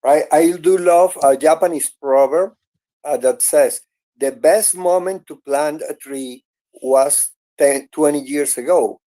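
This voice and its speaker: Man, sixties, live-stream host; pitched a little high, mellow and warm; earnest and encouraging. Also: takes it slowly. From Venezuela. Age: 60s. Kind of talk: casual chat on a live audio stream.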